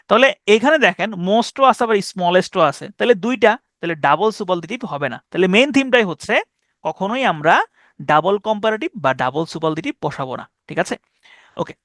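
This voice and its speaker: Guy teaching english grammar online, pretty high voice, dry close sound. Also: fairly bright tone, no room sound. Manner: explains step by step, reads example sentences slowly, asks "ঠিক আছে?". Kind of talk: online lecture. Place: online class over Meet and Zoom.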